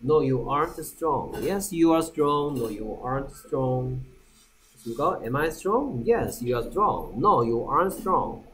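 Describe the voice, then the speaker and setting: Slow-drilling male English teacher. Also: medium pitch, lively intonation, fairly bright tone. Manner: repeats English phrases slowly after Korean prompts. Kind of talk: classroom drill lesson. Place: classroom.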